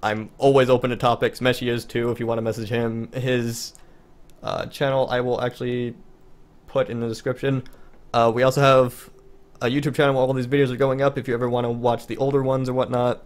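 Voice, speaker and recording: A man's voice: medium pitch, flat delivery, brisk. Dry-humored male podcast host. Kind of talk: casual chat.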